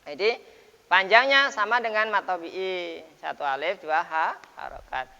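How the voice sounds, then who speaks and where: A man teaching the rules of Quran recitation in a relaxed lesson, explaining step by step with frequent checks and fillers. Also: high-pitched, a little slow, creaky. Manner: explains patiently with many repeated checks and fillers. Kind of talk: informal tajwid lesson. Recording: dull lo-fi sound, long reverb.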